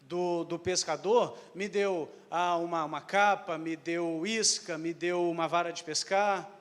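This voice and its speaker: A man's voice: on the high side, fairly even intonation, measured pace, a bit bright. A man interpreting a sermon live, hesitant, with fillers and self-corrections. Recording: echoey hall with long reverb.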